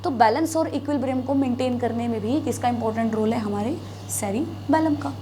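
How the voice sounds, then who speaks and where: A woman's voice: fairly high pitch, fairly quick, mellow, slight background noise. A woman teaching biology in a classroom lecture, mixing Hindi with English terms, asking and answering her own questions. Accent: North Indian Hindi.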